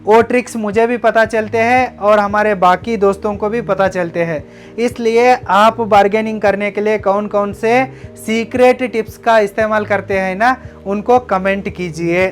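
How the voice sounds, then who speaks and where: High-voiced man giving business tips. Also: steady tone, moderate pace, soft background music. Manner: instructive, addresses viewers as friends. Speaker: business educator. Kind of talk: scripted narration.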